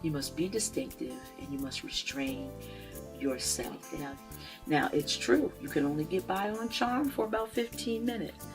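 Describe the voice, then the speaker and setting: A woman's voice: mid-range voice, expressive, normal speed, music in the background. A middle-aged woman telling a story in an inspirational talk, with an emphatic storytelling manner. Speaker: speaker.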